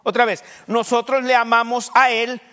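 Male pastor, high voice, sermon in a reverberant church hall. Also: flat delivery, pushed and bright, clear, resonant tone. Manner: preaching with questions to the congregation, rushed bursts. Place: church sanctuary.

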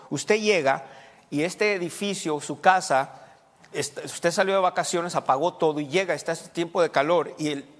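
This male pastor's voice is fairly high and a bit bright, carrying a long reverb through the church hall. He delivers a homespun, chatty sermon, repeating words and quizzing his listeners.

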